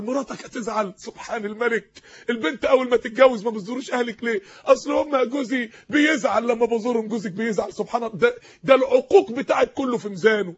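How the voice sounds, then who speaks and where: A man with an Egyptian Arabic accent preaching an emotional, impassioned sermon that rises to shouts, on a dull lo-fi recording. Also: extremely high pitch, breathy edge.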